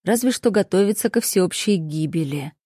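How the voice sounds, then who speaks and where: A woman reading an audiobook, voicing a cautious, blunt male official who explains matters in a measured, matter-of-fact way. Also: on the low side, expressive, warm tone, breathy edge, dry recording, clean studio sound.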